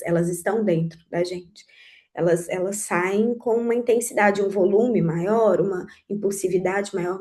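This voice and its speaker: A woman in her forties sharing her personal experience in a group conversation, speaking in a halting, reflective way with many pauses and restarts. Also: medium pitch, warm tone. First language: Portuguese. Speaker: group participant.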